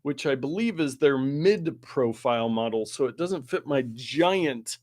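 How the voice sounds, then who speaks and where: A man's voice: medium pitch, lively intonation, measured pace, a little mellow, no room sound, clean studio sound. A man hosting a tech podcast in casual chat, chatty and going into detail. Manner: chatty, detailed, explains at length. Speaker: podcast host. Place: Pacific Northwest.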